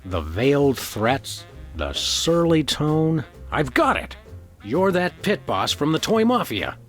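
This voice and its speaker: An actor playing an earnest, wry male dog detective in a comic cartoon game, with a deadpan manner. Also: fairly high pitch, slow pace, faint music behind, full character voice. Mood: wry questioning.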